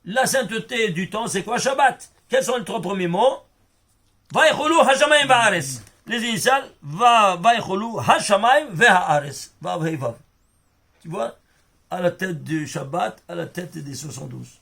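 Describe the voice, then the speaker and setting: A man's voice: high-pitched, expressive, moderate pace, vocal fry, fairly bright tone, breathy edge. A rabbi giving an informal Torah lesson to a small group. He explains with animation and keeps checking that his listeners follow. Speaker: rabbi teaching a class.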